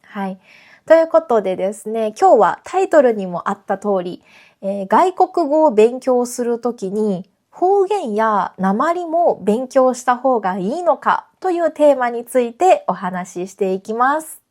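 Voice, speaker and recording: Woman, teacher, casual podcast lesson, friendly and clear, slightly high voice. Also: big pitch swings, measured pace, darkish tone. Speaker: Japanese teacher. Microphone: camera framing, reading notes beside it.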